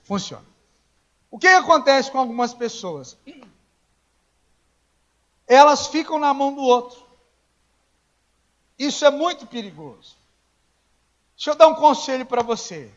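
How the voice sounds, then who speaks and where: A man preaching a sermon as pastor, telling stories in a conversational way, acting out the dialogue and now and then rising to a shout. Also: very high voice, expressive, measured pace, pauses often. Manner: conversational storytelling, acts out dialogue, rises to shouting. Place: church. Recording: dull lo-fi church recording.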